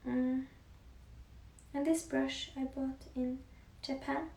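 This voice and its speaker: A young Norwegian woman with a Norwegian accent, chatting softly on a livestream while she paints, often slipping into near-whispers. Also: sits high, fairly even intonation, takes it slowly, creaky. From Norway. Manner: soft-spoken, often drifting into near-whispers. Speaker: musician live-streaming to fans. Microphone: phone. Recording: echoey room with faint background hiss.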